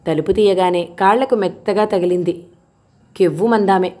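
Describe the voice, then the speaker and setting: A woman narrating a novel as an audiobook, voicing the characters in a gentle, measured storytelling manner. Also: lowish voice.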